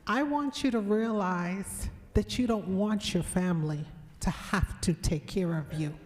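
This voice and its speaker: A woman's voice: medium pitch, a little slow. A woman giving a church workshop on elder law, answering questions and telling client stories. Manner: storytelling, animated when recounting clients. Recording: long hall reverb in church.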